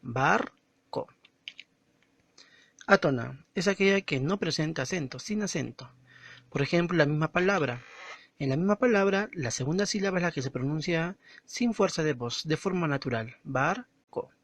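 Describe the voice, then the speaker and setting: A male teacher talks through a recorded lesson in a patient, didactic way, drawing out words and stressing each syllable. His voice sits a little high for a man. The sound is dry and close, with no room echo. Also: expressive, a little fast.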